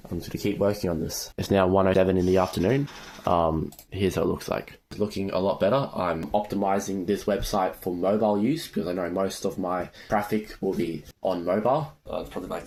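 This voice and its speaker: Poor audio with a little hiss or hum captures a teenage vlogger casually telling viewers how his online business venture is going. His voice sits low with a darkish tone.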